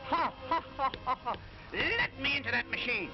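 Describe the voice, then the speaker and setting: A cocky little cartoon creature from an early talkie film. The voice is extremely high and swoops boisterously. It comes through dull vintage film sound over music. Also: male voice, expressive, normal speed. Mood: gleeful, defiant. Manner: exclamatory, brash, boisterous.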